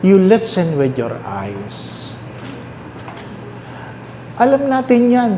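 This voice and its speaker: Slow, mellow Filipino priest preaching. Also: male voice, high-pitched, huge pitch swings. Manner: mixes English and Tagalog, asks the listeners questions; repeats key phrases slowly. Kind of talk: sermon. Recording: roomy echo, faint background noise.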